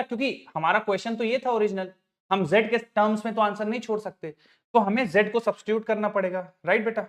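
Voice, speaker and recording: A man's voice: high-pitched, a bit bright. A middle-aged man teaching maths to a class, patient, often checking whether the students follow on the terms. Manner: patient, addresses students as children, asks frequent check questions.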